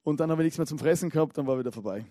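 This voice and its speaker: A man preaching a lively sermon, telling stories and tossing in frequent asides. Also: on the high side, very fast, dry recording. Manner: animated storytelling with frequent asides.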